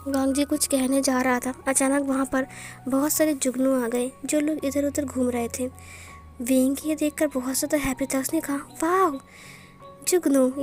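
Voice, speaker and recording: A woman narrating a romance fan story and reading every character's lines herself in a plain, even way. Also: high-pitched. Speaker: fanfiction narrator. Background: soft background music.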